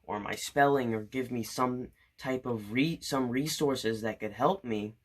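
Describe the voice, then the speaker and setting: A man's voice: medium pitch, a little slow. Indignant young man ranting. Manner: indignant, sarcastic, many fillers and restarts. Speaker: student vlogger. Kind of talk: opinion rant to camera.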